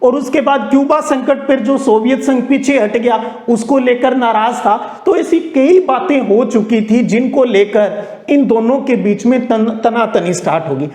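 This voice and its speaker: In an echoey room, a man with a very high, slightly mellow voice lectures at a measured pace. He explains things conversationally like a storyteller, asking his own questions and supplying the answers, in a storytelling classroom talk.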